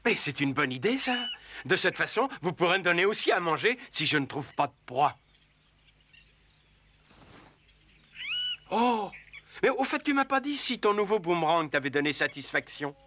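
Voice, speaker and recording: Bagheera, an animated high-voiced panther. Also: male voice, brisk, slight background noise, heavily acted. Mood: friendly. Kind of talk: French cartoon dubbing.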